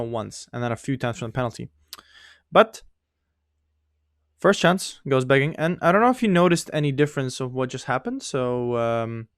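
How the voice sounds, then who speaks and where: A young man, a gaming YouTuber who isn't a native English speaker, makes fun of his own gameplay in loose, chatty commentary broken up by frequent laughs. His voice is mid-range. The recording is dry, with clean studio sound.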